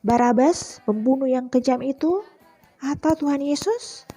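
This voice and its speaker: A woman's voice: sits high, measured pace, warm tone, slightly rough, faint music behind. A woman voicing Pilate, an uneasy male Roman governor questioning a crowd, in a children's Bible lesson.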